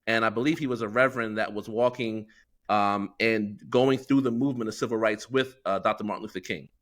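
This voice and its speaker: A middle-aged man from the United States co-hosts a podcast, speaking earnestly and reflectively with lots of fillers in a casual discussion. His voice sits on the low side, a little bright, and moves a bit fast.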